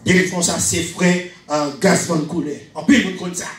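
High-voiced Haitian preacher shouting in echoey hall. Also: male voice, fairly even intonation, moderate pace, slight background noise. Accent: Haitian Creole. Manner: preaching with frequent shouted emphasis and repeated phrases. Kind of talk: sermon. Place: small church hall with pulpit. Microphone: handheld microphone. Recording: echoey church room, camera from a distance.

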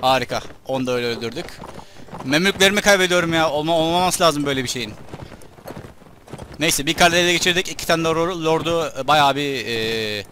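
Young man, gameplay commentary, bright forceful voice, slightly high, faint hiss behind. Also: fairly quick. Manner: excitable, talks to his soldiers and enemies, mutters when things go wrong.

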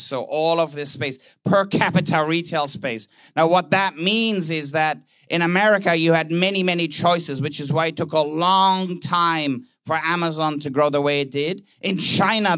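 A man with a fairly high voice delivers a keynote speech at a conference. He tells anecdotes and acts out short exchanges between characters. The sound is dry and close, picked up on a stage microphone. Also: fairly bright tone, dry recording. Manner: anecdotal, plays out dialogue in quick voices. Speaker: conference speaker, banker. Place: conference hall.

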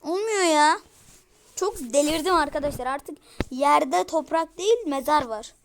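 A woman giving casual let's-play commentary to her viewers, easily frustrated and breaking into loud exclamations. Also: sits high, moderate pace, gravelly. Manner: talks straight to her viewers. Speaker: gaming streamer.

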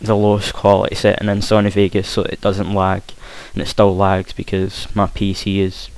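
A young man with a broad Scottish accent gives casual, hesitant gameplay commentary, trying to speak clearly, on a hissy home recording. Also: on the low side, monotone, normal speed. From Scotland. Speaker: gaming commentator. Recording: hissy home mic with faint noise. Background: game gunfire.

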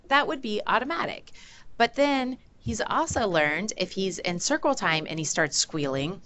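A woman's voice: mid-range voice, a bit bright, a little hiss or hum. A woman presenting as a behavior analyst, explaining examples in a lecture and acting out children's voices now and then. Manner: explanatory, acts out examples in a playful voice. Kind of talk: conference talk.

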